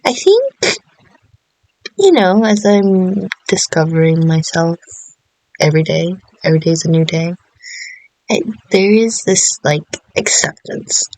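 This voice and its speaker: Woman in her 30s just chatting to camera, kinda gravelly, rambly w lots of ums, dry close sound. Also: on the low side, expressive, measured pace, long pauses, darkish tone, no room sound, poor audio. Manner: meandering, many fillers and self-interruptions, laughs often. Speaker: vlogger. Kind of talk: casual rambling monologue.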